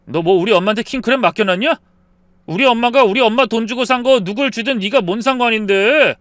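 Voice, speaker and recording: A man voicing a hot-tempered husband in a story reading, speaking roughly and with contempt. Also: very high-pitched, a little fast, a bit bright, no room sound. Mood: contemptuous. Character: hot-tempered husband siding with his mother.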